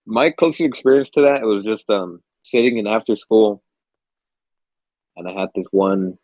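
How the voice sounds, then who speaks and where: A young podcast co-host, laid-back and swearing freely, rambles through stories in casual conversation while stuffy and under the weather from a cold. His lowish, slightly mellow voice moves at a moderate pace in a dry, muffled recording.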